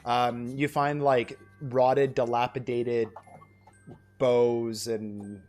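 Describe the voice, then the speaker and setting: A man running a tabletop game on stream, talking through the scene in loose, rambling descriptions. His voice sits at an ordinary middle pitch. Faint music plays underneath. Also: level tone, extremely slow, darkish tone. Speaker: game master.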